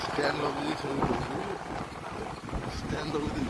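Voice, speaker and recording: A man's voice: on the high side, little pitch movement, moderate pace. A man chatting casually to live viewers and companions as he rides outdoors, with wind hitting the mic. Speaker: live-streaming vlogger. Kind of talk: casual live vlog chat while riding. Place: outdoors on a moving motorbike. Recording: loud wind on mic, motor noise. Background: loud wind and engine noise.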